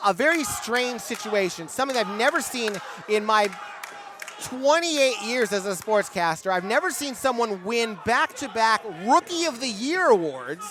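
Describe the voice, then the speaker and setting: A man's voice: very high-pitched, very animated, normal speed, a crowd in the background, noisy background. A middle-aged man calling a pro wrestling match as a play-by-play sportscaster. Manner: sportscaster-style announcing.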